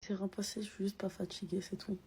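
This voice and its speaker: Blunt young woman with a deep voice. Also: little pitch movement, fast talker, warm tone, breathy edge. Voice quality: low, deep voice. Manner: blunt, ranting, slangy, addresses "les filles"; often drops to a whisper. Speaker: vlogger. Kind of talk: casual chat to camera.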